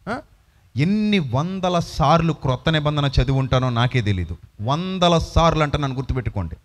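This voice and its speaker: Male pastor with a Telugu accent, high animated voice, preaching emphatically to a congregation. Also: normal speed. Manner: emphatic, rhetorical questions to the congregation. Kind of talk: sermon. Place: church hall before a congregation.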